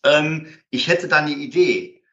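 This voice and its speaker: A man's voice: a little high, lively intonation, unhurried, a bit bright. A man as an interview guest, explaining conflict resolution with many fillers and acted-out example dialogues. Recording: roomy, dull lo-fi sound.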